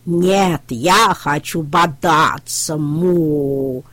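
A woman voicing a stubborn young bull calf in a storybook reading, slow and low with mooing. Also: a bit bright, dry recording, exaggerated voice.

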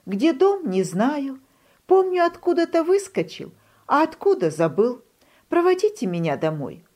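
A woman voicing a frightened, whiny lost little duckling in a high, squeaky, whining voice for a children's storybook reading. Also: very animated, moderate pace, warm tone. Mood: frightened whimper.

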